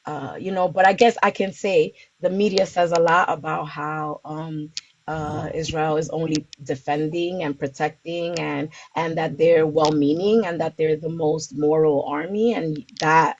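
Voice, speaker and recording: An interview guest from the Bronx, New York, a community organizer, responds in a low, unhurried voice with fairly even intonation. Her casual answers are hesitant as she searches for words, and the audio is dull and lo-fi with background noise and clicks.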